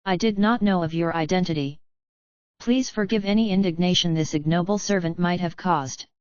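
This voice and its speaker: A woman voicing a terrified, low-ranked male demon servant who grovels in a trembling voice, in a dry, slightly dull recording. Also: normal speed, darkish tone, dry recording, close to an everyday voice. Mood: groveling.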